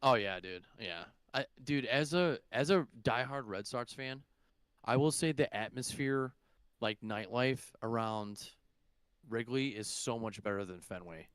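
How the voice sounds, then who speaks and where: A man's voice: mid-range voice, a little slow, a bit bright, clean tone, dry recording. A young man co-hosting a podcast, telling stories in a rambling, profane way with lots of fillers. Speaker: podcast co-host. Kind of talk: casual chat.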